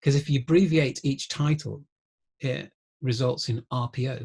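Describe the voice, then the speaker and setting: A middle-aged man, a guest musician and researcher, telling wry anecdotes in an interview, often pausing with ums. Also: medium pitch, creaky, darkish tone, breathy edge. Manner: anecdotal, wry, laughs through stories, frequent ums. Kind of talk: conversational interview storytelling.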